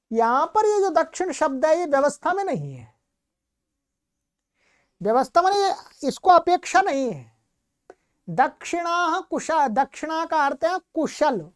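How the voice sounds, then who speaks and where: A woman with a high-pitched voice gives a recorded Sanskrit grammar lecture. She explains patiently and steadily. She keeps posing questions to the class and then answering them herself.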